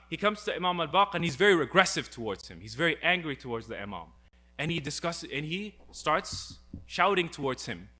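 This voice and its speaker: A man's voice: on the high side, pushed and bright. A young man giving a religious talk, earnest and full of rhetorical questions as he retells a story. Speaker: speaker.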